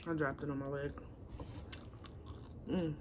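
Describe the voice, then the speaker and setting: A woman's voice: low voice, little pitch movement, unhurried, darkish tone, slight background noise. Chatty woman eating between remarks. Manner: chatty, talks between bites with murmurs of enjoyment. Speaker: mukbang host. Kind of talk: casual eating-show chat.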